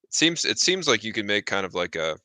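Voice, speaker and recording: A man co-hosting a race stream, giving measured, hedging handicapping thoughts. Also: on the low side, big pitch swings, bright, forceful tone, no room sound. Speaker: racing co-host. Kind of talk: casual handicapping talk.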